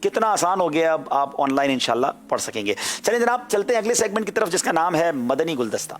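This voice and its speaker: A man's voice: a little high, big pitch swings. A man hosting a religious TV quiz show, politely explaining things step by step and addressing viewers directly.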